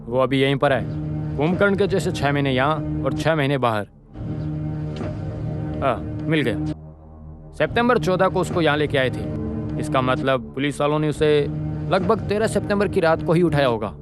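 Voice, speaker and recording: Man voicing a matter-of-fact cop colleague, slightly high voice, loud music over the dialogue. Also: animated, moderate pace, long pauses, natural voice. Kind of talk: Hindi film dub. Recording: film soundtrack with loud music.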